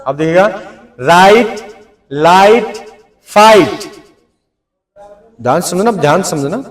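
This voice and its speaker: High-voiced, slow-spoken man teaching a class. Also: lively intonation, roomy sound. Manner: repetitive drilling, scolds students. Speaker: tuition teacher. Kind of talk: classroom lesson on English pronunciation.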